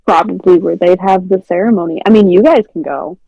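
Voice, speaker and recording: A woman's voice: on the low side, brisk, creaky, no echo. A woman player in a tabletop game, blunt and joking. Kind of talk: casual tabletop play. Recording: dull dry mic.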